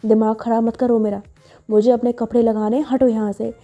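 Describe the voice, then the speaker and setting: A woman's voice: on the high side, little pitch movement, brisk, mellow, faint music behind, close to an everyday voice. Woman playing a blunt, defiant young woman. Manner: curt and bossy.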